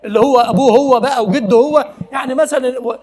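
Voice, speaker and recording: A man preaching with an Egyptian accent in a very high, quick voice. He talks to his listeners casually, keeps asking them questions and laughs often as he explains. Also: darkish tone. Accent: Egyptian Arabic. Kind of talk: conversational sermon.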